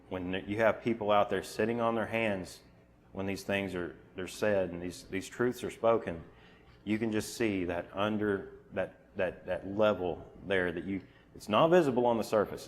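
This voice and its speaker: Male preacher, low voice, halting conversational sermon, faint room ambience behind. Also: a little hiss or hum. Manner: halting, many restarts and fillers. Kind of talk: informal sermon. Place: church.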